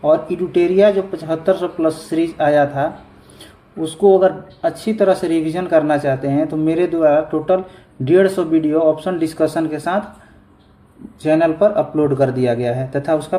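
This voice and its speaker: A man's voice: on the high side, normal speed, mellow, reverberant. A man giving an exam revision lesson, reading each question aloud and saying every answer twice. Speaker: teacher.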